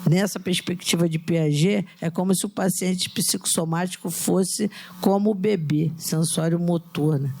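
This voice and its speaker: Brazilian woman lecturing with a gravelly voice. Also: on the low side, darkish tone. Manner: explanatory, restarts often, tag questions. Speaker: psychoanalyst lecturer. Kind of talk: congress lecture. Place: conference hall.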